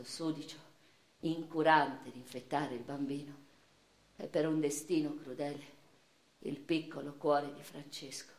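A stage actress with a deep voice plays a grieving, passionate eighteenth-century noblewoman poet who recounts her life in a first-person dramatic radio theatre monologue. Her theatrical, intense delivery swings from hushed sorrow to anguished outcry, with roomy echo and faint music behind.

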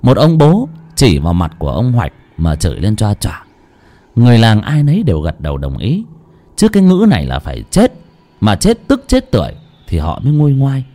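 Male horror storyteller with lively voice. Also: lowish voice, brisk. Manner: dramatic, voicing characters. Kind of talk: dramatic horror story narration.

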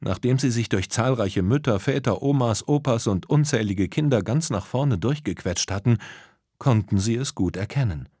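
A man narrating a children's audio story in a lively storytelling manner. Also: medium pitch, normal speed, slightly rough, no room sound, studio quality.

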